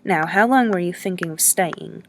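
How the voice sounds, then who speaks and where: A woman's voice: fairly low pitch, normal speed, background noise, lightly acted. A woman reading the lines of a chatty, teasing male lodging-house keeper who rambles in a folksy way.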